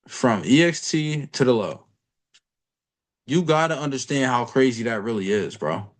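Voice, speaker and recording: A man giving a casual trading lesson over a chart, blunt and profane, talking to the viewer in street slang. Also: medium pitch. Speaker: trading educator.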